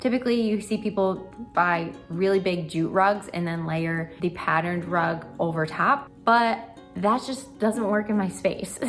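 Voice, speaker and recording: A young adult woman chatting through a home makeover reveal in a gushing, enthusiastic way, stressing and stretching key words. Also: medium pitch. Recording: music behind the voice. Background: background music.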